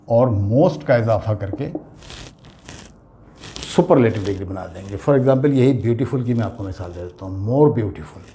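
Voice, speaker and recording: A man with an Urdu accent gives an English grammar lesson in an unhurried, measured way. His voice is mellow and dark. He patiently spells words out letter by letter. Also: medium pitch.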